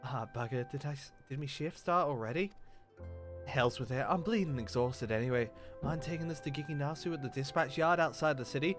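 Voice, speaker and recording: A man's voice: mid-range voice, fairly quick, faint music behind, lightly acted. A man voicing a tired, grumpy male worker who grumbles in British slang, reading game dialogue aloud. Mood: weary grumbling. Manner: weary, grumbling.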